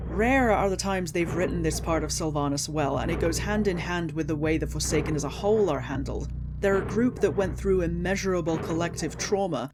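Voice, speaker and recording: A woman delivering a scripted, opinionated rant, indignant and sarcastic, with emphatic, incredulous turns. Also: lowish voice. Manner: swears casually. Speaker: video essayist, game story critic.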